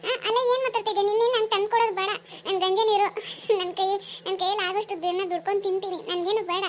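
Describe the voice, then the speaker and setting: A woman's voice: very high-pitched, flat delivery, rapid-fire, a little hiss or hum. A woman voicing an aging mother in a cartoon story, emotional and pleading, who scolds her daughter-in-law. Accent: Kannada. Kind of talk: cartoon dubbing.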